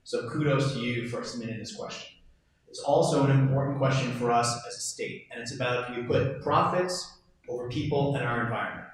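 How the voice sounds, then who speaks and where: A man candidate delivers a rousing stump-speech answer in a flat, level tone. He stands away from the microphone, and a strong echo fills the hall around him. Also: mid-range voice. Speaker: political candidate. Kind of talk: forum campaign answer. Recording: echoey hall, distant mic.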